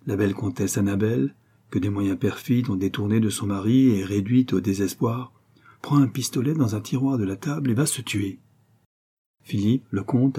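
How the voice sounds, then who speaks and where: A man reading a novel aloud in a measured, literary narration. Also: on the low side, dark tone, slightly rough. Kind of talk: audiobook narration.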